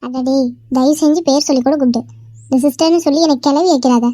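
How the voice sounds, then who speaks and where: A woman's voice: sits high, fairly even intonation, quick pace, warm tone, no echo, lightly acted. A woman voicing a blunt, sassy young woman in an amateur cartoon.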